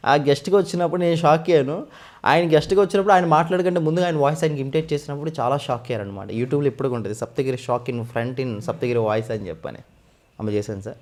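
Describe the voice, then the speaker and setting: Male mimicry artist as interview guest; quick, animated storytelling at mid pitch. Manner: rapid, eager, animated storytelling. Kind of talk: casual interview talk.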